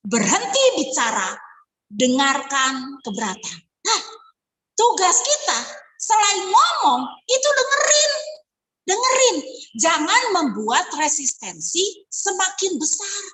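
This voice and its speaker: A woman giving an online sales ethics lesson, lively and coaching. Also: very high-pitched, slow pace, low-quality recording. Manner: lively, coaching, acts out sample dialogues. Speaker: sales trainer.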